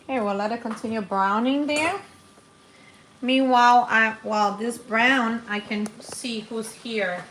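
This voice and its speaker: A woman's voice: a little high, a little slow, echoey room, background noise. A woman in her forties from the Dominican Republic, chatting to viewers as she cooks on a live stream in her home kitchen. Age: 40s. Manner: chatty, talks to viewers while cooking. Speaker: cooking channel host. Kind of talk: casual live cooking stream.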